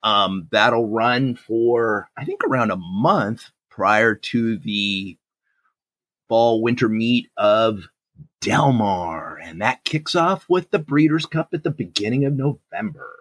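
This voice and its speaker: A man co-hosts a casual podcast with a gravelly, raspy voice, as if his throat is strained. He takes his time, pausing between short phrases. The sound is dry, with very little room on it. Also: fairly low pitch, animated, fairly bright tone, dry recording. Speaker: podcast co-host.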